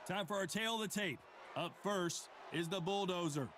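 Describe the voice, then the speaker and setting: A man's voice: high voice, moderate pace. A man performing as a keen boxing play-by-play commentator with punchy delivery. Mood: announcing. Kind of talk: sports commentary. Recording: loud arena noise behind.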